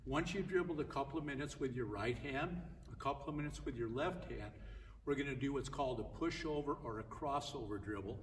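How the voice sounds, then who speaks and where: An older man runs basketball drills in a big indoor gym, his mid-range voice a little fast and carrying a bit of hiss or hum. A distant camera mic catches his plain, repetitive instructions, often raised over his dribbling, with the gym's echo and a bouncing ball behind him.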